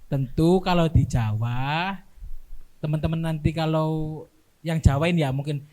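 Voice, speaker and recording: A young man talks as a podcast guest in an unhurried, explanatory way, often ending points with a quick tag question. His voice sits a little higher than most men's. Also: warm tone. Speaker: guest, dorm security staff. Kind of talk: casual podcast chat.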